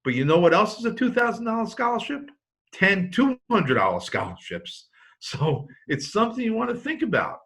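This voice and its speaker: A man's voice: high-pitched, very animated, moderate pace, gravelly, fairly bright tone. A man in his fifties giving a college financial aid talk to parents, telling jokes and stories and often restarting his sentences. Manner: anecdotal, joking, with many restarts.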